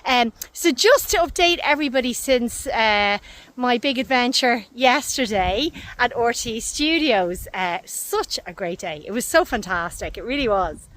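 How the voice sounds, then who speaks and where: Chatty Irish woman, slightly husky. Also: a little high, unhurried. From Ireland. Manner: excitable, rambling, self-deprecating. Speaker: cottage owner and wellness host. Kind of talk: casual chatty update to camera. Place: outdoors by a paddock with horses. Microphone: phone camera held by hand.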